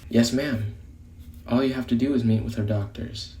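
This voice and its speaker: A man voicing a formal, persuasive male government agent in a story reading, measured and official. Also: mid-range voice, steady tone, dark tone, slight background noise, close to an everyday voice. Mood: official, reassuring.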